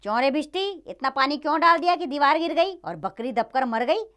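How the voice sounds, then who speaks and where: A woman's voice: fairly high pitch, big pitch swings, moderate pace, a bit bright. A woman voicing a foolish, blustering king who barks orders in a children's play reading. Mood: bossy. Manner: commanding, barking orders.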